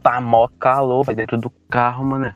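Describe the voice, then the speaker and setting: A man's voice: medium pitch, level tone, moderate pace, soft background music. A young man with a Brazilian accent chatting casually in slang from inside a car. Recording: dull, lo-fi voice chat audio.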